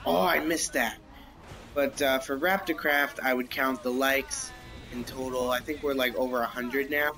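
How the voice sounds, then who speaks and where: A young man talks his way through a racing game, rambling and reacting out loud between turns. His voice sits at an ordinary pitch and he keeps hiccuping, with game music faint underneath. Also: steady tone, moderate pace. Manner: rambling, reacts aloud to the race. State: has the hiccups. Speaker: gameplay commentator. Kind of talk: casual let's-play commentary.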